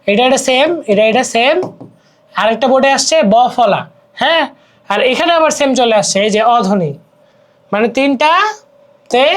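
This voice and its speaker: A young man with a Bangladeshi Bengali accent teaching an exam-prep grammar lesson, explaining step by step and repeating words while asking checking questions. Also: very high voice. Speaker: tutor.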